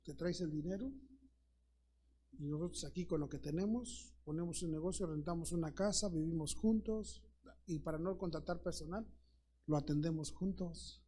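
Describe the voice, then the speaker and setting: A middle-aged pastor with a Mexican Spanish accent preaches a Sunday school sermon in a slightly high, husky voice at normal speed. He acts out the story's dialogue in lively voices and calls his listeners brother.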